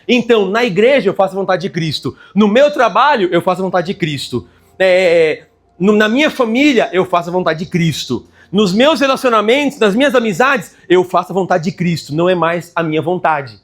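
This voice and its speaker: A man with a high voice preaching a Sunday sermon. He leans hard on his phrases, slowing down to stress key words. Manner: emphatic preaching with many slow stressed phrases. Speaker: pastor.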